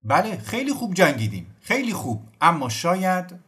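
A man's voice: high-pitched, sing-song, sharp tone, voice pushed up, full character voice. A man voicing a weary young Russian army officer with a melancholy, formal manner. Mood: rueful. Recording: faint music behind.

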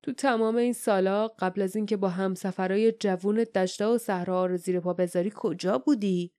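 A woman's voice: medium pitch, fairly even intonation, mellow, close to an everyday voice. A woman voicing a stern rebel leader man in an audiobook, hard and commanding.

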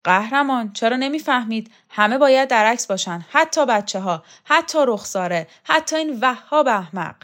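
A woman reading a story aloud, voicing a bossy, energetic woman who is loud and insistent as she orders people into their places. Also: medium pitch, lightly acted. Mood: commanding. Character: bossy, energetic middle-aged woman organizing everyone.

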